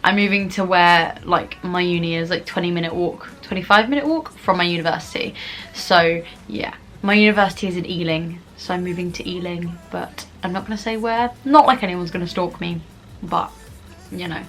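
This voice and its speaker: A woman's voice: fairly low pitch, moderate pace, fairly bright tone, soft background music. A young adult woman with a southern English accent chats casually in a rambling, informal mukbang vlog. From England, Kent. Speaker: vlogger answering viewer questions.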